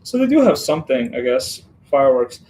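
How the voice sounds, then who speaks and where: Chatty man hosting a relaxed livestream. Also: mid-range voice, a little fast, poor audio. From Western Ukraine. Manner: chatty and rambling, talks to viewers while building. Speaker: livestream host building a model set. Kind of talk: casual livestream chat.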